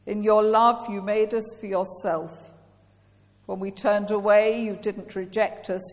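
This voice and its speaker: Woman priest, unhurried solemn liturgy, long cathedral echo in a large church. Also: mid-range voice, little pitch movement. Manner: measured, solemn intoning. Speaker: priest leading communion. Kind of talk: reciting a liturgical prayer.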